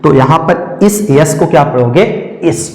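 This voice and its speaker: A male English teacher, slowly explaining pronunciation rules and repeating each word several times. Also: fairly high pitch, a little mellow. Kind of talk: classroom lesson on pronunciation. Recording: echoey room with long reverb.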